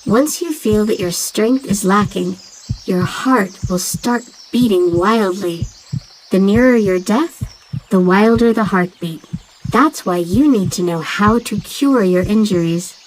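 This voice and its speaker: A woman voicing a loyal talking dove who guides the player through a game tutorial in a clear, instructive tone. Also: medium pitch, unhurried, a little hiss or hum, close to an everyday voice, rough recording.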